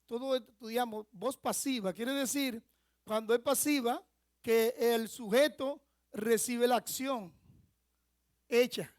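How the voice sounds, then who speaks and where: A man's voice: very high voice, slow, no echo. Male pastor preaching, dry close sound. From Dominican Republic. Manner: teaching with rhetorical questions to the congregation. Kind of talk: sermon. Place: church sanctuary.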